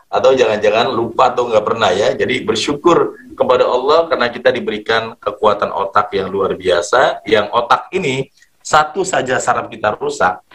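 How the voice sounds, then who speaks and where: Energetic man coaching kids by video call. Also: lowish voice. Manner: energetic, coaxing, repeats "ya" and "luar biasa". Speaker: motivational trainer. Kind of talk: online motivation class for children.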